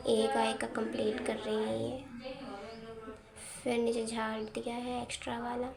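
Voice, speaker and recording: A woman's voice: on the high side, monotone, a little slow, creaky, over a noisy crowd. A young woman narrating a casual home vlog in a chatty, giggly, self-teasing way. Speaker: vlogger. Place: home, indoors.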